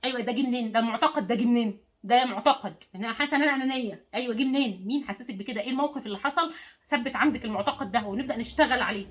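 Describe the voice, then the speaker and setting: Egyptian woman life coach, motivational talk, high voice, very fast, hammers points through repetition. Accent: Egyptian Arabic. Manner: emphatic, repeats words and phrases for stress.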